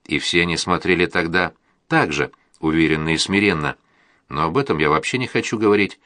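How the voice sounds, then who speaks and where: A man narrating a first-person audiobook in a plain, even reading manner. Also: low-pitched, fairly quick, dry recording.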